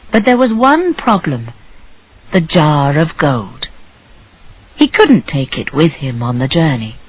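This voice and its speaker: A woman reading a story aloud slowly and clearly for English learners. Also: low voice, highs cut off. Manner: expressive, deliberate.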